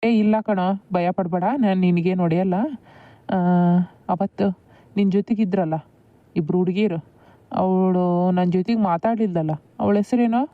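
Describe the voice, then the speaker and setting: A woman's voice: fairly low pitch, steady tone, normal speed, no room sound, natural voice. A woman voicing an eager, lovestruck young man in a cartoon, prying for a girl's name. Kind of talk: cartoon voice acting. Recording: dull lo-fi dry audio.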